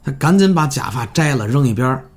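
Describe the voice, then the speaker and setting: Man telling a spooky story, lively pitch. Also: fast talker. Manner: animated, jumps pitch for drama, swears casually. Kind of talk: casual horror story telling.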